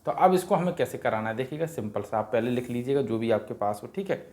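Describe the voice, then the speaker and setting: A man walks through a grammar worksheet, chanting vowel sounds in a sing-song drill. He keeps posing questions and answering them himself, in a middle-pitched voice. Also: animated, fast, a little mellow. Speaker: teacher explaining a worksheet. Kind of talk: Hindi grammar lesson for parents.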